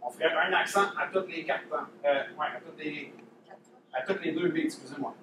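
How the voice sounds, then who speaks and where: Speaking briskly in a slightly high voice, a Quebec French-accented man teaches drumline technique in a relaxed, demonstrative workshop, going over important points more than once. The sound comes from a distant mic in a noisy, echoing room.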